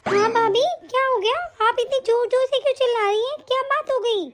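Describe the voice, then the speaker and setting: Cartoon young mother, defensive and wounded, very high-pitched, voiced by a woman. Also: a little fast, background noise. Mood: puzzled. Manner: pleading, defensive. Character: young new mother staying with family, hurt, defensive. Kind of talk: animated story voice acting.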